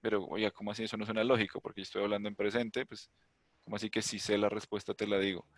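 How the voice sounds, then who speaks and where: A man's voice: fairly low pitch, little pitch movement, very fast, no room sound. A man teaching an online English class, explaining chattily with asides and rhetorical questions.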